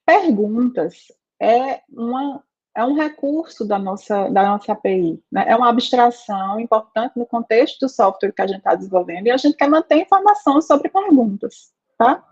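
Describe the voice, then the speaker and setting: With a fairly high, husky and a little mellow voice, lively intonation and normal speed, a Brazilian woman teaches programming live online in a Brazilian Portuguese accent. She is conversational, quizzing students and often checking in with "né?" and "tá?". The recording is slightly dull lo-fi.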